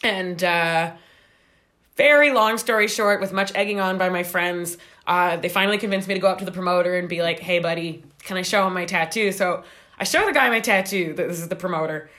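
A young woman from Canada telling a long story in a rambling, animated way, acting out what people said. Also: fairly low pitch, fairly quick. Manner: animated, rambling, acts out quoted voices. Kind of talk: casual storytelling.

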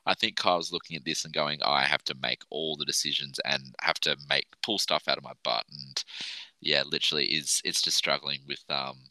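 An Australian man hosts a casual sports podcast. His voice is extremely deep with a hard, bright, forceful edge. He talks in an informal, blokey way, and the sound is close and dry. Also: steady tone, a little fast, no echo, low-quality recording. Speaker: podcast host.

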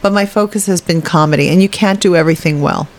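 Low-voiced chatty woman comedian. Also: fast talker. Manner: chatty, candid, with frequent fillers. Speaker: guest, stand-up comedian. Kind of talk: casual interview conversation.

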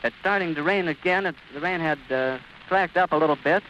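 This old-time radio announcer has a fairly high, sharp voice and a brisk delivery as he describes the action at an airfield live and outdoors in colorful detail. It comes from a noisy, muffled 1930s archival recording.

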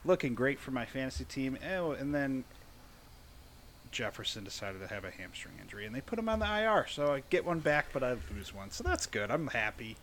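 A man's voice: mid-range voice, expressive, fairly quick, a bit bright, a little hiss or hum. A man hosting a casual sports talk, joking and conversational. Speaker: podcast host.

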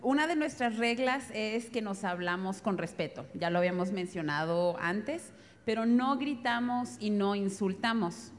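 A wife with a northern Mexican accent gives a live talk on marriage, telling stories in a lively way and laughing as she goes. Her voice is medium-pitched at a normal speed. The reverberant hall carries faint background noise.

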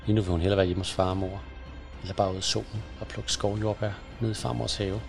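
A man reads a scary story aloud in a hushed, suspenseful manner. His voice sits low with a gravelly fry, and faint music plays underneath. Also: level tone. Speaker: narrator. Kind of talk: scripted storybook narration.

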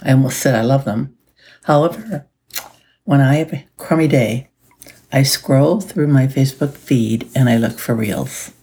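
A woman's voice: a bass voice, a little slow, warm tone. A woman hosting a solo podcast as a life coach, chatting in a groggy early-morning voice, upbeat and with little laughs. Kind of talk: casual solo podcast talk.

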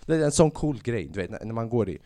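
Podcast host, male, low-pitched, dry close sound, feverish, swears freely while ranting. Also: no echo. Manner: swearing, rambling, animated rants. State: sick with fever. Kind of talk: casual monologue podcast.

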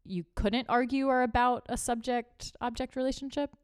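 A woman's voice: fairly high pitch, steady tone, normal speed, clean tone, no echo, clean studio sound. A woman co-hosting a podcast, musing thoughtfully and casually, hedging her points. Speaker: podcast co-host. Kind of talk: casual chat.

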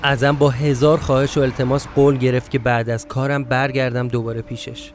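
A man's voice: mid-range voice, flat delivery. A man narrating a first-person story in a confiding, reflective way. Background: faint music.

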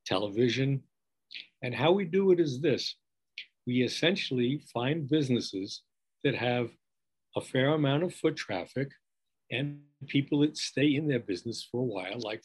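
A man's voice: mid-range voice, slightly rough. A man in his sixties with a New York accent, a business owner chatting as a guest, talking loosely with lots of fillers. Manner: rambling with many fillers. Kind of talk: casual interview chat.

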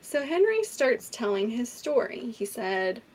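A woman co-hosting a casual true crime podcast, telling the story in an animated way, swearing and laughing often. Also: fairly high pitch, unhurried, husky.

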